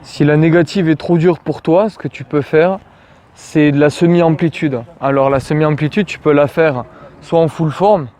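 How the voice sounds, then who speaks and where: A man's voice: a little high, fairly even intonation, moderate pace, darkish tone. French man coaching casually outdoors. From France. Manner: informal, addresses viewer as tu, jokey asides. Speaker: calisthenics coach. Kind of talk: casual outdoor workout tutorial.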